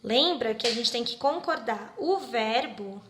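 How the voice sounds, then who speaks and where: A Brazilian woman who teaches English walks her students through a grammar lesson slowly and patiently, step by step, checking in with them often. Her voice is fairly high and expressive, heard in an echoey room over a noisy background.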